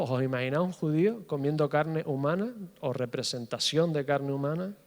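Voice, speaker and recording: A middle-aged man preaching a sermon as pastor, passionate and building with repetition. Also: a little high. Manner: impassioned, rising in fervor with repetition. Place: church hall. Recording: reverberant church hall.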